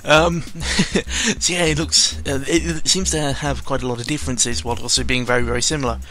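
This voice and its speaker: With music playing behind him, a man gives loose, unscripted gaming commentary that wanders, mocks himself and swears freely. He's a gaming video creator, speaking at normal speed in a steady, sharp, medium-pitched voice, and the recording quality is low.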